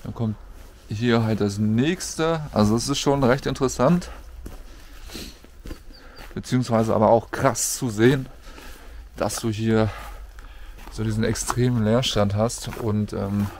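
A man's voice: lowish voice, a little slow, long pauses, darkish tone, slight background noise. A man giving an informal, colloquial walk-through commentary as a vlogger out and about. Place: mostly outdoors, walking through an abandoned housing estate.

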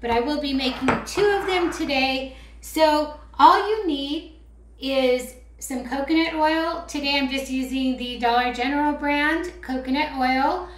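A woman vlogger with a high, unhurried voice chats casually while making a craft, in a how-to style. She rambles and teases herself along the way, and the recording has a roomy echo with faint clicks.

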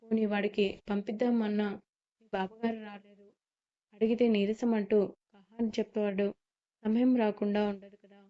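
A woman voicing a short-tempered middle-aged father-in-law who scolds and shouts, on a slightly muffled recording. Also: medium pitch, level tone, normal speed, lightly acted. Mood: irritated.

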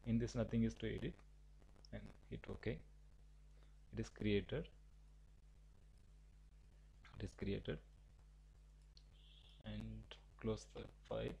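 A man teaching a software tutorial, giving halting step-by-step instructions with frequent restarts. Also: lowish voice, little pitch movement, vocal fry, husky, low-quality recording. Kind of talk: screen-recorded software tutorial.

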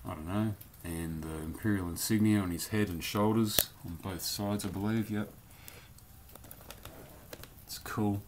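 Low-voiced man chatting about toys. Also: fairly even intonation, measured pace, noisy background. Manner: chatty, rambling, loose slang. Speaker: toy collector vlogger. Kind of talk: casual toy review vlog. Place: home beer cellar, dim.

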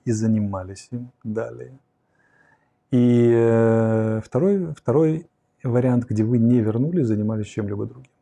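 A man in his forties, warm-toned and mid-range in pitch, reflects on viewers' philosophy questions during a livestreamed lecture on philosophy and psychology. He explains at a whiteboard in a curtained studio room, recorded through a lapel mic.

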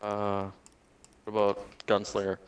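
A man's voice: on the low side, completely flat delivery, a little slow, clean tone. A man chatting casually with a friend while they join a video game together. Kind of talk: casual gaming chat.

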